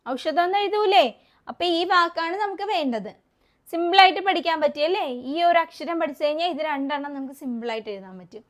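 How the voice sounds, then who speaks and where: High-voiced woman teaching kids letters. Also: animated. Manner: coaxing, asks children questions and repeats letters slowly. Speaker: children's teacher. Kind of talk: kids' alphabet lesson.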